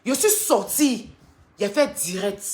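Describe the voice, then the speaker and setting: A woman, ranting heatedly and defensively on a livestream, retelling a quarrel in a rapid flow. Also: medium pitch, expressive, a little mellow. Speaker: social media personality. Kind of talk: livestream rant addressing critics.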